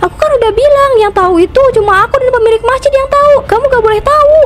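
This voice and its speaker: A woman voicing Gita, a stubborn young woman who lies and talks back in a shrill, whiny, defensive way in a cartoon. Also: very fast. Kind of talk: cartoon voice acting.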